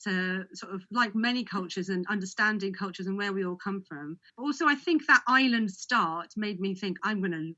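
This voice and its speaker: A woman's voice: mid-range voice, normal speed, few pauses, sharp tone, highs cut off. A woman who grew up in Hawaii, chatting casually as a guest, laughing often and restarting her sentences. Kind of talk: casual conversational storytelling.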